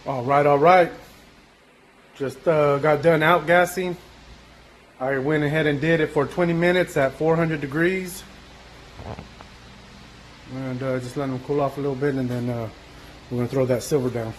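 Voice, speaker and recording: A man's voice: on the high side, fairly even intonation, moderate pace, pauses often, slight background noise, low-quality recording. A man narrating his own workshop vlog in a loose, chatty way, with many fillers and restarts. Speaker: DIY vlogger.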